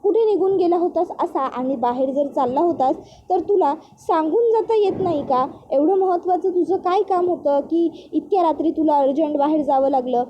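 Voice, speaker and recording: An agitated young husband presses his brother with urgent questions, as a woman reading a serial recap puts him on. The voice sits high and questioning. The recording is a little dull, with faint noise behind. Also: moderate pace, natural voice.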